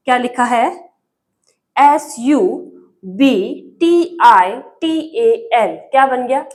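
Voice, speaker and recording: A woman teaching an English lesson in Hindi, drilling pupils with repeated questions and spelling words out letter by letter. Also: sits high.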